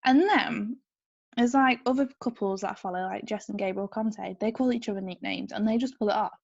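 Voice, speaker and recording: A woman's voice: mid-range voice, a little fast, gravelly, no room sound. A woman co-hosting a podcast in casual chat, blunt and giggly. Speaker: podcast co-host. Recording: dull lo-fi mic.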